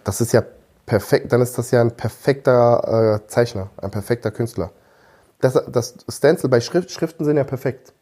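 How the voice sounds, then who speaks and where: A man in a relaxed podcast chat who argues his point insistently and keeps asking whether you follow him. His voice sits at an ordinary middle pitch. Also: normal speed. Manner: argumentative, insistent, keeps asking "weißt du, was ich meine?". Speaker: podcast co-host. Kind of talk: casual chat.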